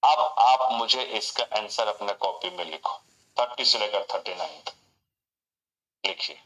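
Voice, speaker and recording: A man's voice: fairly low pitch, measured pace, sharp tone, reverberant, poor audio. A man teaching an online class, running call-and-response memory tricks and repeating each cue. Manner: repetitive, call-and-response mnemonics. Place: home room.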